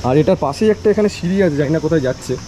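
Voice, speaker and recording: A man's voice: on the high side, expressive, racing, warm tone. A man with a Bengali accent narrating a casual travel vlog, chatty and repeating phrases for emphasis. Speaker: travel vlogger. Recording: clear background noise, echo in big hall.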